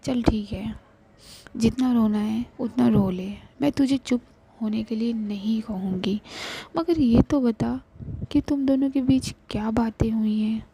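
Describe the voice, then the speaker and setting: A woman with a cold voicing a caring young woman who comforts a crying friend, soothing and pleading in a breathy half-whisper. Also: on the high side, unhurried, slight background noise. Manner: soothing, then pleading and excitable. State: has a cold and flu.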